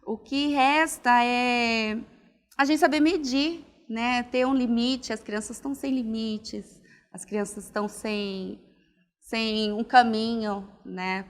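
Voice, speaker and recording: Her voice is a little high and somewhat bright, carried by long hall reverb. She's a young pedagogue and psychology student from Alagoas, Northeast Brazil, giving casual, thoughtful interview answers full of "né" and restarts.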